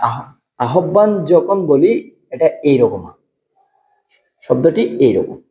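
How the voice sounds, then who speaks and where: Halting man teaching a lesson. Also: mid-range voice, a little mellow, rough recording. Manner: halting, repeats words slowly for dictation. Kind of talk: spoken lesson on pronunciation rules.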